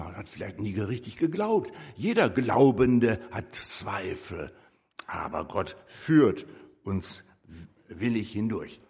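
A man's voice: medium pitch, husky. An older man giving a conversational sermon as a lay preacher, breaking into rising, emphatic bursts. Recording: echoey hall.

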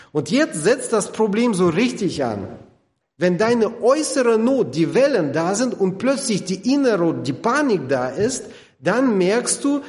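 High-voiced German-speaking preacher in a reverberant hall. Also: male voice. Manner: lively, storytelling with acted quotes, swings between loud and soft. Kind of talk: sermon.

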